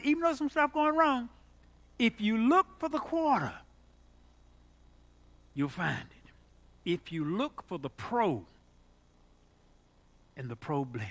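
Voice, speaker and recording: A male pastor delivers a sermon with a bright, forward voice. His pitch leaps all over the place, from low, murmured asides to high, loud outbursts. He preaches as a storyteller, with a lot of drama.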